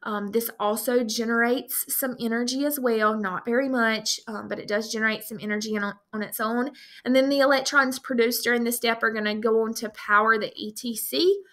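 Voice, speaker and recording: A bright, fairly high-voiced woman walks her students through a science review. She explains in an upbeat, direct way, often talking straight to the listener with casual fillers. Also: steady tone, normal speed. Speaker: science teacher. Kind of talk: recorded review lesson.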